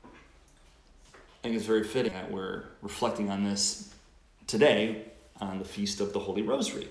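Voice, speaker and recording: A man with a fairly low voice speaks as a priest at Mass. His delivery is reflective, and the sound rings with a cathedral-like church echo. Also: steady tone, moderate pace. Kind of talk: Mass Gospel reading and homily.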